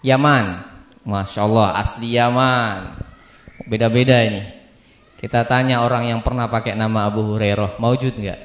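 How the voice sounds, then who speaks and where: An Indonesian man teaching a religious study class, quizzing his students and slowly spelling out names. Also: mid-range voice, fairly even intonation, fairly bright tone, echoey room. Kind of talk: classroom lesson with questions to students. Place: study hall.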